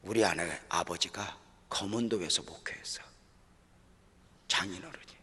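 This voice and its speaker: A middle-aged man preaching to fellow pastors at a seminar, telling a personal story with strong feeling, sinking to a hush and then rising loud again. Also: low-pitched, moderate pace, husky. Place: church hall. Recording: long reverb of a large hall.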